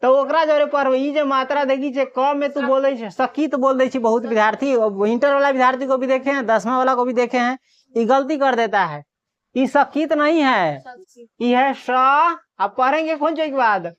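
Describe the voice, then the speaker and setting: Woman, reading teacher, fairly high voice, slow letter-by-letter drilling, asks and answers her own questions, dull lo-fi sound. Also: steady tone. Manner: drills by asking questions and answering them herself; sounds out letters slowly one by one. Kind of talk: classroom lesson. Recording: dull lo-fi recording.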